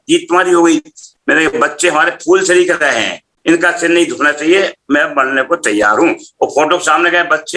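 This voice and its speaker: A man's voice: mid-range voice, sharp tone. A middle-aged man giving a personal testimony, telling his story animatedly and acting out the dialogue. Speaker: spiritual practitioner telling a testimony.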